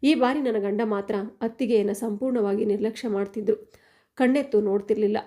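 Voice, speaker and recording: A woman narrating an emotional first-person family story, reading every quoted line in a steady, even voice. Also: medium pitch, brisk.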